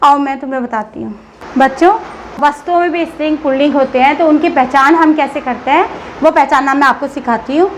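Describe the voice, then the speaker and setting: A woman's voice: high-pitched, brisk, slight background noise, low-quality recording. A woman school teacher giving a grammar lesson to children, patiently asking questions and answering them herself.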